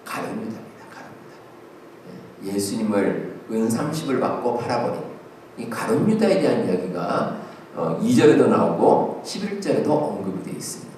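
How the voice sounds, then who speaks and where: A man's voice: on the low side, big pitch swings, moderate pace, dark tone, a little hiss or hum. A male pastor giving a conversational sermon with fillers and rhetorical questions. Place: church sanctuary. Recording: echoey church hall, mic at a distance.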